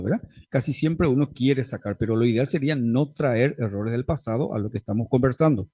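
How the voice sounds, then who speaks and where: A man's voice: mid-range voice, warm tone. A man teaching a faith-based class on family conflict in a conversational way, often checking in with his listeners. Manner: conversational teaching, frequent tag questions.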